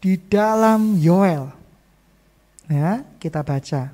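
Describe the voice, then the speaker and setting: Male pastor, middle-aged, emphatic sermon delivery, swings from loud to hushed, drops English phrases. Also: high voice, lively intonation, very slow. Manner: emphatic preaching with sharp swings in loudness; mixes English phrases into Indonesian.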